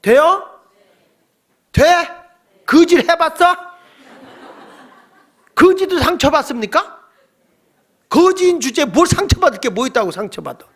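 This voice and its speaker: A male pastor delivers a night-service sermon in a church with a gravelly, rough-edged voice. He preaches with animated energy and keeps tossing questions out to the congregation. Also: extremely high pitch, unhurried, pauses often.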